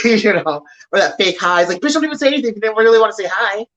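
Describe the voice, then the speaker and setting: A woman's voice: medium pitch, lively intonation, racing, muffled recording, background noise. A woman hosting a casual chat about astrology. She rambles with lots of fillers and speaks bluntly, with some swearing. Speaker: astrology stream host.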